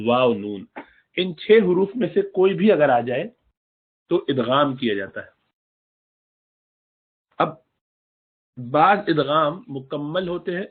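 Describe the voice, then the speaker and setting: A man teaching a Quran recitation lesson, explaining the rules and slowly reciting and stretching out example words. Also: mid-range voice. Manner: drawn-out demonstrative recitation of examples. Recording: tinny phone-like audio.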